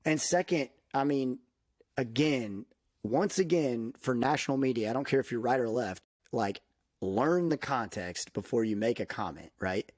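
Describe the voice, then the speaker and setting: A podcast co-host with a medium-pitched, slightly mellow voice chats casually at a moderate pace, speaking with opinionated emphasis. When he gets worked up, his voice jumps upward. The sound is dry and close, with no room sound.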